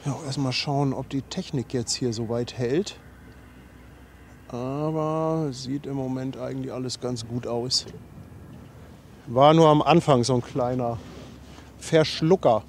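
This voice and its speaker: A man with a cold, his nose a bit runny, hosts a relaxed livestream on a harbour riverbank, reading out viewer messages and making fun of himself. He speaks unhurriedly, pausing often, in a mid-range, darkish voice with fairly even intonation; a little hiss or hum is audible.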